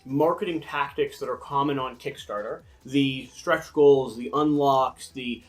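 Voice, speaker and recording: Lisping man with drawn-out, hissy s sounds. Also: medium pitch, faint music behind. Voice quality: lisp with drawn-out, hissy snake-like s. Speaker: host and board game reviewer. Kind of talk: casual review discussion.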